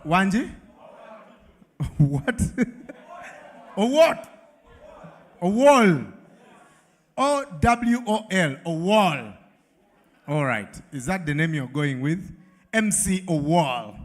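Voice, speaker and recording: A man's voice: high-pitched, very animated, drawn-out words, long pauses. A male event emcee with a Ugandan English accent, teasing the crowd in a playful, laughing way. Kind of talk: lively event hosting. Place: large event hall with live audience. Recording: long hall reverb over a PA.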